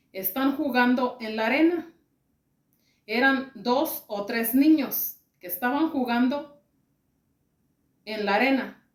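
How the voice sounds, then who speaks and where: A woman addressing a church as she recounts a religious vision, slowly and repetitively, pausing phrase by phrase. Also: fairly high pitch, reverberant.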